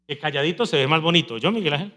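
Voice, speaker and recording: A male pastor preaching a sermon, calling on the congregation to repeat after him and acting out scenes with lively mimicry. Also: fairly high pitch, racing. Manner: preaches with call-and-response to the congregation; animated, mimics people speaking in tongues.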